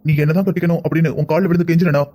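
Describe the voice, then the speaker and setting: A man speaks quickly in a somewhat high voice. He scolds and argues as a husband in a cartoon family drama. His lines come out rapid and sharp. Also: steady tone. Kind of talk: Tamil cartoon voice acting.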